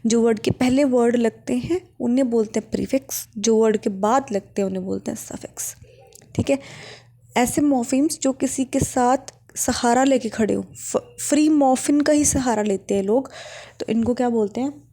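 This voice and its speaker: A woman teaching linguistics in a classroom-style lecture, explaining step by step, often checking that students follow, and slowing down to dictate definitions. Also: fairly high pitch, mellow. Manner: explains step by step, checks understanding with frequent rhetorical questions; slows right down to dictate English definitions.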